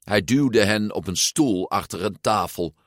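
Male storyteller, slow, expressive, lowish voice, dry close sound. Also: no echo. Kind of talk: storybook read-aloud narration.

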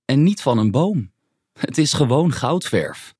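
A man doing a squeaky timid little creature. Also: very animated, unhurried, a little mellow, slightly rough, no room sound, studio quality. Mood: disappointed. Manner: anxious squeaking.

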